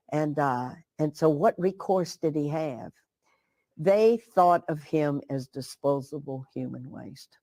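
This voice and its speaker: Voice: medium pitch, dark tone, no echo. An interviewee giving reflective, earnest commentary, sometimes stopping to restart a thought.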